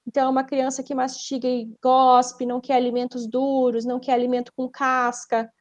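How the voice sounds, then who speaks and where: In a muffled recording, a high-voiced woman with a Brazilian Portuguese accent talks briskly with a flat delivery. As a podcast guest and speech therapist, she teaches in a conversational way, raising questions and then answering them.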